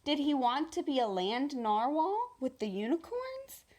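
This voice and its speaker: Reading aloud from a children's storybook like a teacher, this woman tells the tale in a deliberate, expressive way, her voice pitched high.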